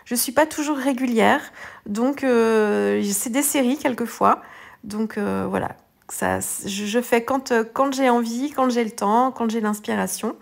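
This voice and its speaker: Brief: woman craft vlogger, high-ish voice with heavy vocal fry, casual rambling voice-over, tired, lots of fillers. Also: a little slow. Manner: rambling, hesitant, many fillers and restarts. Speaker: art journaling video host.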